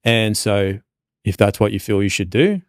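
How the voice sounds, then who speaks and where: An Australian man speaking in a fairly low voice as a podcast guest. He thinks aloud in a loose, meandering way, leaning on lots of fillers. The recording is close and dry, with no room sound. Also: animated, moderate pace, smooth, dry recording. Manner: reflective, loose and rambling, many fillers. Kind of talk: casual conversation.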